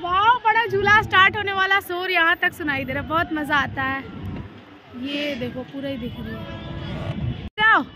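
Filming a family trip at a crowded outdoor fair, this young woman vlogger chats to her phone in a playful, teasing, casual way. Her voice sits high and moves at a normal speed, while crowd and traffic sounds fill the background.

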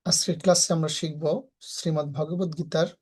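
A woman's voice: low-pitched, level tone, brisk, warm tone. A woman with a Bangladeshi Bengali accent teaching Sanskrit verse pronunciation in a live class, breaking each verse into syllables and then chanting it whole.

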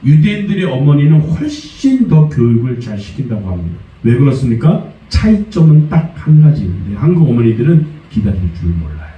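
Animated male pastor, echoey church. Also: brisk, few pauses. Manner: lively, acts out quoted complaints in a high voice. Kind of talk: sermon. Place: church sanctuary. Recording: dull, echoey church sound from a distance.

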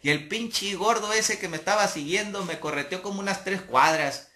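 A young Mexican man casually telling a profane anecdote, talking in an animated way and laughing along as he goes. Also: sits high, moderate pace. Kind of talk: casual storytelling.

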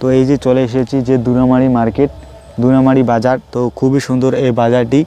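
Over music, a medium-pitched male vlogger from West Bengal delivers fast, flat narration. Pointing out roads and places on his travels, he improvises in loose phrasing and repeats himself.

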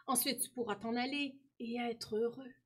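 A woman voicing a tender, self-giving old apple tree in a storybook reading, in a soft, high, gentle way. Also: steady tone, normal speed, breathy edge. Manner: pleading, fond storybook reading.

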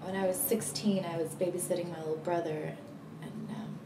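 A young woman acting a dramatic monologue as a grieving, remorseful recovering addict, speaking in a halting, confessional way. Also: lowish voice, level tone, lightly acted. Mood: subdued, confessional. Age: young adult. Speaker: actor performing a monologue. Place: small plain room indoors. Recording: echoey, noisy room, distant mic.

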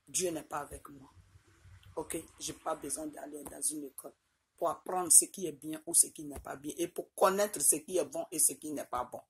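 A middle-aged woman from Côte d'Ivoire vlogs directly to her phone, held at arm's length in a small room, speaking with an Ivorian French accent. Her low-pitched voice has a breathy edge. She drives her points home insistently, tagging them repeatedly with "Ok?".

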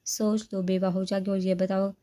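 A woman's voice: medium pitch, little pitch movement, dark tone, close to an everyday voice. A woman voicing a playful, theatrical young man who teases his bride-to-be in a romance novel reading. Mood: teasing. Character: teasing, dramatic young man, a joker.

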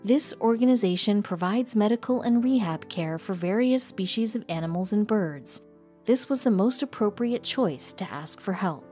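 A woman reading a scripted documentary narration in an even, measured way. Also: medium pitch. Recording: voice-over with faint music behind.

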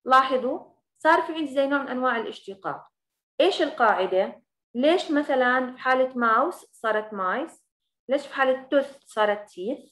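Brief: a woman English teacher with a Levantine accent, fairly high voice, fast explanations that slow down for example words. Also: lively intonation, fairly bright tone. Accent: Levantine Arabic. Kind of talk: recorded grammar lesson.

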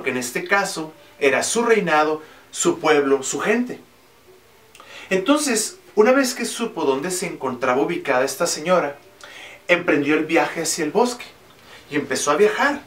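Man, motivational storyteller, lively emphatic delivery, distant mic, faint music behind. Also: a little high, roomy sound. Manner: repetitive, emphatic.

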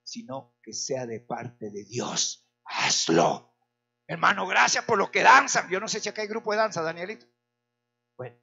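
A male pastor preaching a sermon in a church, swinging between loud cries and quiet, low remarks, hoarse from shouting. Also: dull audio.

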